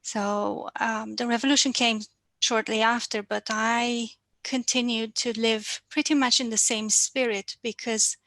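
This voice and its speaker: A woman in her thirties from Romania, speaking with a Romanian accent as a financial coach guest, measured and reflective, on a video call. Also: a little high, little pitch movement, fairly bright tone, no room sound. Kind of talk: online interview.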